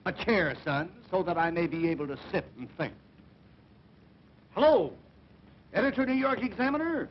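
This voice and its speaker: High-voiced brash comic schemer, early talkie. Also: male voice, expressive, normal speed, pauses often. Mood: grandiose bluffing. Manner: boastful, grandiose. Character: brash fast-talking male comic schemer, boastful and cocky. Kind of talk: early talkie film comedy acting. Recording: dull, noisy 1930 film soundtrack.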